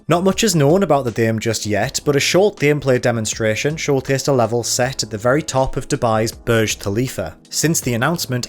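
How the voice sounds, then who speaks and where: A man with a Geordie accent reading a scripted games news voice-over, with wry, dry jokey asides. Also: medium pitch. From North East England. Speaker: games journalist.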